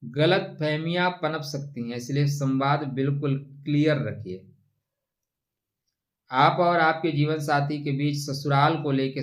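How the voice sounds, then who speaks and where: A man giving an astrology forecast, advising listeners in a measured way and calling them friend. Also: on the high side. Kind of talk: horoscope talk to camera.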